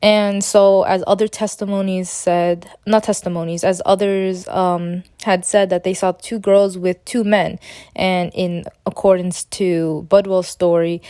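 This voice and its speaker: A young woman co-presenting a student podcast, summarizing a case in an unscripted, halting way with many fillers and restarts. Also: mid-range voice, warm tone, clear, resonant tone.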